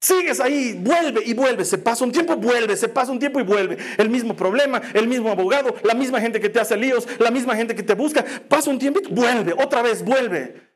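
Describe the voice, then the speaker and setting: A man preaching a sermon, retelling a Bible story in an animated, storytelling way with slow, emphatic phrasing. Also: extremely high pitch.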